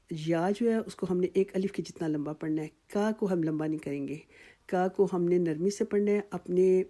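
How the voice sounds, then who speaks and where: A woman with a Pakistani Urdu accent teaches recitation in a calm, methodical way and draws out each sound slowly. Her voice sits fairly low and sounds dark and mellow. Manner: patient, drawn-out demonstration of sounds. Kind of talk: tajweed lesson with slow recitation examples.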